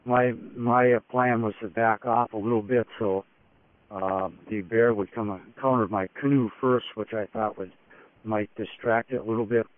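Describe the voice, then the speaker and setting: A man giving an unscripted first-person expedition report, telling it in a halting, matter-of-fact way in short phrases. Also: lowish voice, steady tone, no room sound. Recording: dull radio-like phone link, dry.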